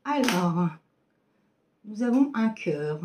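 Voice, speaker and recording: A woman's voice: mid-range voice, big pitch swings, slow pace, very noisy. A woman giving a casual oracle card reading to her viewers, chatty and affectionate, with many fillers.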